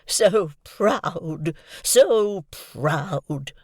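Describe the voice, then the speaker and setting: A woman playing Miss Havisham, wailing high. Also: lively intonation, dry recording, studio quality. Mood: moaning. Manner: moaning, wailing, drawn-out. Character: old jilted woman, wild and anguished. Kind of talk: audiobook drama reading.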